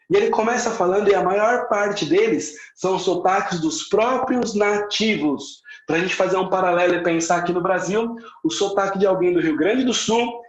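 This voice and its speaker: Speaking with a rather high voice and a Brazilian Portuguese accent, a Brazilian man gives an emphatic teaching talk. He repeats key points and slips in English words. The room is echoey and the audio somewhat muffled.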